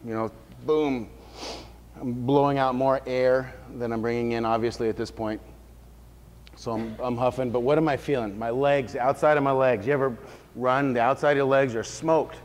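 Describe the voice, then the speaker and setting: A man's voice: medium pitch, fairly even intonation, moderate pace. A man working as a fitness trainer, giving an informal workshop talk to a group in a casual, explanatory way and checking in with his listeners. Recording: reverberant hall sound.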